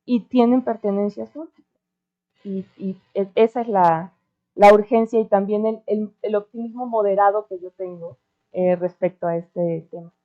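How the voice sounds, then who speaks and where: A woman's voice: mid-range voice, steady tone, moderate pace. A woman from Mexico speaking earnestly at an academic panel, with ironic asides and frequent tag questions. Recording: dull lo-fi recording.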